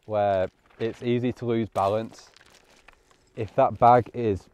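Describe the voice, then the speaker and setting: Talking slowly and steadily, this man presents hiking tips as a landscape photographer, speaking casually and matter-of-factly to camera outdoors on a grassy hillside. His voice is fairly low, a little mellow and clean in tone, but the sound is lo-fi.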